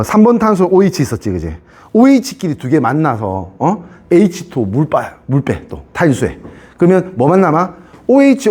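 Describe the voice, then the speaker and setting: Male science teacher, high and very animated delivery, keeps asking the class if they follow. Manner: chatty, keeps asking students to confirm; repeats and re-explains key points. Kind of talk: classroom lecture.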